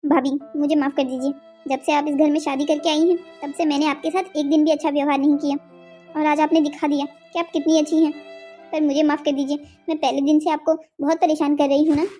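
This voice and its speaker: A woman voicing a young woman, the sister-in-law in a cartoon family story, talking in a high, urgent, pleading way. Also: little pitch movement, quick pace, warm tone, soft background music, close to an everyday voice. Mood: grateful.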